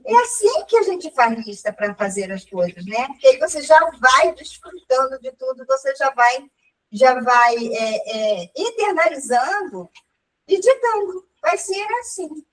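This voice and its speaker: Animated high-voiced woman, far from mic. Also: a little slow. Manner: animated, laughing, acts out dialogue. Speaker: group member sharing a story. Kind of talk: casual storytelling.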